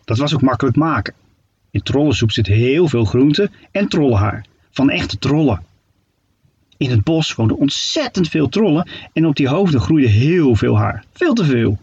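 A man narrating a children's story with playful, expressive delivery. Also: medium pitch, unhurried, slightly rough, lo-fi sound.

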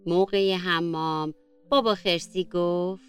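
A woman reading a children's story aloud in a gentle, slow storytelling manner. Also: lowish voice, steady tone, smooth, soft background music.

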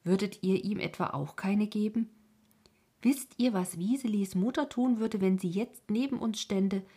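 A woman voicing a kind, firm colonel's wife who talks a sick man round calmly. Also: medium pitch, unhurried, breathy edge, pitched above the performer's own voice. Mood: persuasive. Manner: calm, soothing persuasion.

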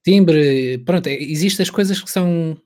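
A man's voice: fairly high pitch, normal speed, a little mellow. Chatty young Portuguese podcast co-host man. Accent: European Portuguese. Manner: chatty, advising, slangy with bué and puto. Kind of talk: casual podcast chat.

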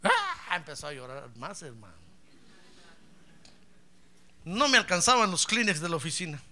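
Animated, bright-voiced male preacher. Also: on the high side, quick pace. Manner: animated storyteller, acts out both sides of dialogue, calls listeners "hermano". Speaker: pastor. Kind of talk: sermon with acted anecdote.

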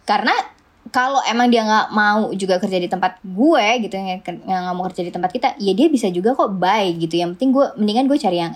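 A young adult woman co-hosting a casual podcast as an HR professional. She talks in a chatty way, with fillers, and acts out quoted conversations. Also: medium pitch.

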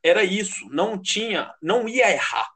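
A man's voice: high voice, big pitch swings, moderate pace, sharp tone, slightly rough. A man with a Brazilian Portuguese accent in casual, heated sports chat, slangy and emphatic, swearing and repeating phrases for emphasis. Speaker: American football fan commentator.

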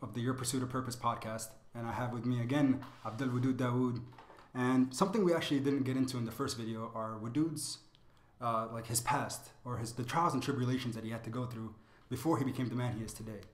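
A man's voice: mid-range voice, fairly even intonation, fast talker, echoey room. A man hosting a podcast and introducing his guest in a friendly, upbeat way. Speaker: podcast host.

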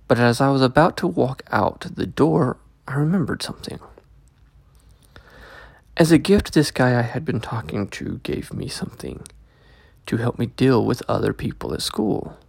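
A man narrating a scripted first-person story as a host, with a gravelly, creaky voice, close to the microphone. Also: mid-range voice, expressive, normal speed, darkish tone, dry recording. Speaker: host and story reader of a podcast.

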